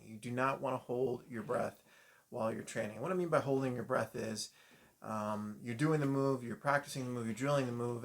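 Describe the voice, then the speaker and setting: Man, New York accent, martial arts instructor, casual coaching tips to camera, mid pitch. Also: creaky, fairly bright tone. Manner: coaching, direct and encouraging, with frequent "um" fillers. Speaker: jiu-jitsu instructor.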